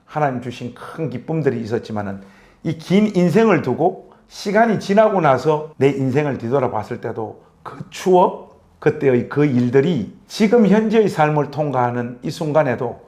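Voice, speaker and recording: A man's voice: fairly high pitch, big pitch swings, normal speed, mellow. A man who is a pastor and author, talking earnestly in a conversational interview with preacherly phrasing.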